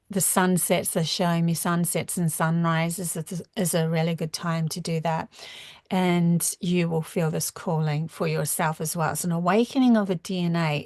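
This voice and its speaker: A woman with a New Zealand accent giving a rambling live-stream spiritual talk, full of halting restarts. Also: lowish voice, no echo, studio quality. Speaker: spiritual channeler.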